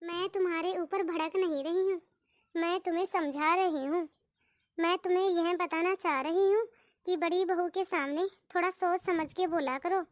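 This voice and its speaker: A woman with an extremely high-pitched voice does cartoon voice acting as a strict yet fair mother-in-law, scolding, commanding, and addressing her daughters-in-law as "bahu." The studio sound is clean, with no echo.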